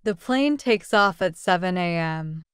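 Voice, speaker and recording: A woman reading short English practice sentences aloud in an even, deliberate way. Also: on the low side, clear, resonant tone, no echo, clean studio sound.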